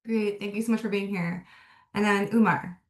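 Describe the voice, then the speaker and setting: A woman moderating an online panel in an upbeat, brisk way. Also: medium pitch, steady tone. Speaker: webinar moderator. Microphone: video call. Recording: echoey room.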